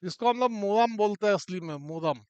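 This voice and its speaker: A man teaching mining, explaining a model step by step in a relaxed classroom way and often checking in with the listener. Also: high voice, a little fast, clear, resonant tone, dry recording, dull audio.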